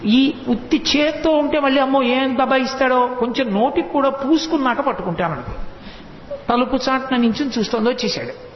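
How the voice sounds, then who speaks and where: Brief: a male discourse speaker with a high voice, recorded in an echoey hall, tells a sacred tale. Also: lively intonation, brisk, a little hiss or hum. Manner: storytelling, acting out the characters' lines. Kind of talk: Telugu devotional discourse. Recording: echoey hall, slightly dull sound.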